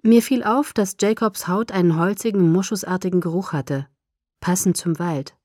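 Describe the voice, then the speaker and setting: A woman reading a novel aloud as first-person narrator, expressive and steady. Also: lowish voice, normal speed, no room sound, clean studio sound. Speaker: audiobook narrator.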